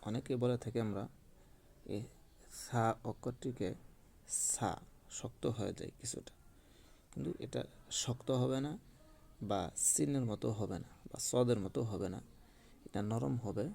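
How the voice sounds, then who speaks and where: A man teaching Quran recitation in a slow, patient lesson, drawing out each demonstrated letter. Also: medium pitch, creaky, mellow.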